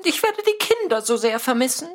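A woman voicing a soft-hearted, weepy male talking cat in a children's audio play, husky and sighing. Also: high-pitched, very animated, fairly quick. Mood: sad.

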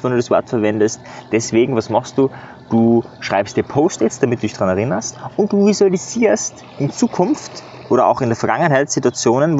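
A man's voice: medium pitch, darkish tone, slight background noise. Earnest man giving coaching tips. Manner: earnest, coaching, often says "ja". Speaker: self-improvement coach. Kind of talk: casual motivational monologue. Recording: slightly dull recording.

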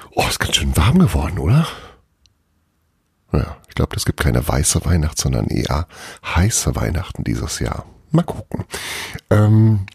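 A man chatting briefly before reading an Advent calendar story chapter in an expressive way. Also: rumbling low, gravelly, slightly rough, no room sound, clean studio sound.

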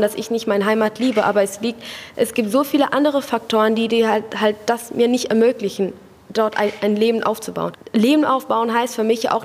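A young woman from Afghanistan gives earnest, thoughtful answers in a slightly high voice, with fillers here and there. Her voice rings with a long echo in the room. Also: a little mellow. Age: young adult. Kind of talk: casual interview answers.

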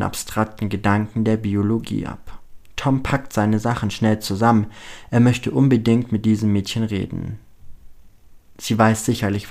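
Man, narrator, story reading, steady. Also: on the low side.

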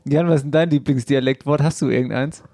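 Lively podcast host, dry studio. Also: male voice, mid-range voice, no echo. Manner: lively, laughing, quick back-and-forth. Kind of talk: casual chat.

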